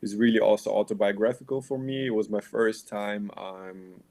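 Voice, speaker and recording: A young man raised in Austria with Bulgarian as his first language, answering questions as a film director at a festival Q&A in a halting, reflective way. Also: lowish voice, fairly even intonation, a little mellow. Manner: halting and reflective, with light laughs.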